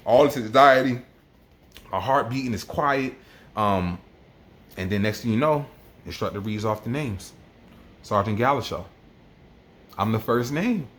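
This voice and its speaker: Emotional man recounting his story, slightly low voice. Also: fairly bright tone. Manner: emotional, worked up, repeats himself. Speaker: army NCO vlogger. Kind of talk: personal storytelling.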